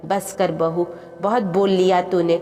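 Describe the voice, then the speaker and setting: A woman's voice: on the low side, little pitch movement, measured pace, dark tone, lightly acted. A woman reading the part of an elderly mother who is hurt but firmly stands up to her daughter-in-law in a storybook tale, with music and reverb behind. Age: older. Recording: long reverb with background music.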